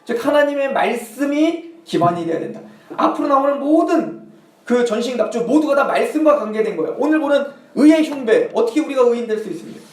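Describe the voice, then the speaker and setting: A man's voice: very high voice, lively intonation, brisk, reverberant, recorded from a distance. A male pastor preaching a sermon, acting out the tempter's taunts in a mocking, questioning voice. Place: church sanctuary.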